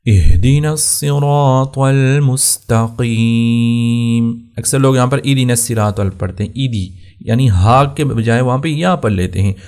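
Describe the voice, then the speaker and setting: A man teaching tajweed, explaining plainly and then chanting verses slowly and drawn out. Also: medium pitch, animated, faint music behind. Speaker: Quran recitation teacher. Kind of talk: tajweed lesson with slow chanted recitation.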